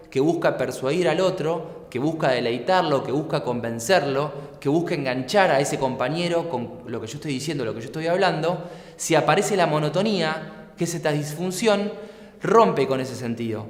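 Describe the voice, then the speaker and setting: A man with an Argentine accent teaches a lesson in a somewhat high voice, laying out each point patiently and clearly. He keeps posing rhetorical questions to his listeners. The sound is roomy, with a long echo trailing off the walls. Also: animated, moderate pace. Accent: Argentine Spanish. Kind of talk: explanatory lecture. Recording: echoey room with long reverb.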